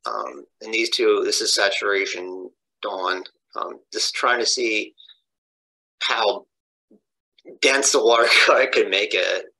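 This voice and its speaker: A man's voice: on the low side, takes it slowly, creaky, long pauses, sharp tone, husky, poor audio. A man casually talking about his paintings, loose and rambling, often trailing off. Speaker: artist. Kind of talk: casual gallery talk.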